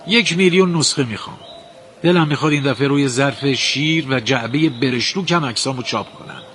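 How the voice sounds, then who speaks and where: A man voicing a vain, boastful wolf king who shouts orders. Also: medium pitch, lively intonation, slight background noise, close to an everyday voice. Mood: gleeful.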